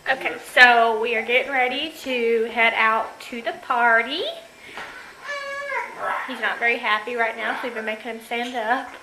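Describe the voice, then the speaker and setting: Girl in her 20s vlogging, bright high voice, chatty and sweet, faint background noise. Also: fairly even intonation, moderate pace. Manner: chatty, filler-heavy, sweet. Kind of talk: casual vlog chat to camera.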